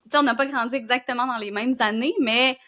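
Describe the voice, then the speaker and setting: A woman's voice: a little high, steady tone, fast talker, pushed and bright, slight background noise. Engaged woman podcast host from Gaspésie. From Gaspésie, Quebec. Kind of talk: casual podcast interview.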